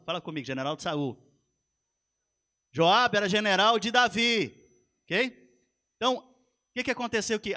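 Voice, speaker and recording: A man's voice: high voice, pushed and bright. A man, a pastor preaching a sermon in a church, retelling a story with animation and speaking straight to the congregation.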